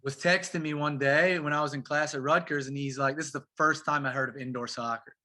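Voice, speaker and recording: Slangy and full of energy, a man who plays soccer professionally guests on a relaxed interview, calling the host "bro" and "man." His voice is slightly high and his delivery brisk.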